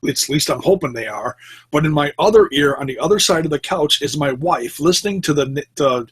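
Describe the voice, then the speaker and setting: A man's voice: a little high, animated, brisk, fairly bright tone, husky. A married man co-hosting a wrestling podcast, telling stories in a laid-back way and laughing easily. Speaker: podcast co-host. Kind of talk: casual wrestling podcast chat.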